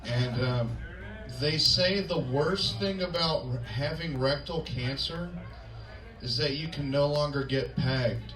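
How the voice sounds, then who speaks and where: Slow and fairly high-pitched with a slightly bright tone, a Japanese man aged forty delivers a raunchy routine poking fun at himself at a comedy venue. The audience can be heard in an echoey live recording made on a distant mic.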